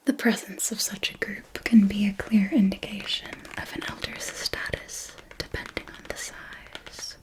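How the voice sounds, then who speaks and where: In an ASMR roleplay, a woman voices an elegant female vampire mentor, whispering breathily the whole time at a very slow, deliberate pace. Refined, patient and knowing, she guides like a teacher with a pupil, her medium-pitched, level voice lightly acted in a hushed, instructive mood. The audio quality is poor.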